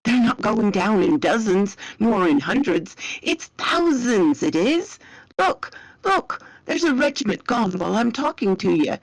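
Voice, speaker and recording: A woman voicing an excitable male British soldier who bellows in plain, common speech from a trench. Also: mid-range voice, measured pace, no room sound, pitched above the performer's own voice, poor audio. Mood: astonished shouting.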